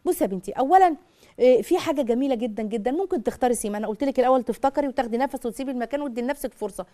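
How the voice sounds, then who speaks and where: A middle-aged woman with an Egyptian Arabic accent, hosting a live call-in parenting advice show and acting out mothers' words as she talks. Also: high-pitched. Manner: rapid, animated, acts out mothers' words.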